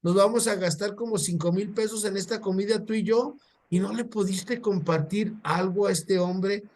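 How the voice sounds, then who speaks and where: A devout, generous Mexican woman speaks earnestly and gently scolds, as a male preacher voices her. The voice stays fairly high. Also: normal speed. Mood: reproachful.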